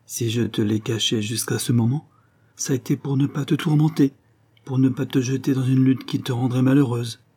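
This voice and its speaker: A man's voice: mid-range voice, steady tone, moderate pace, warm tone, breathy edge, pitched above the performer's own voice, natural voice. A man reading aloud, voicing an eager, pleading fifteen-year-old girl in a storybook. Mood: earnest. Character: passionate girl of fifteen, ardent and loving.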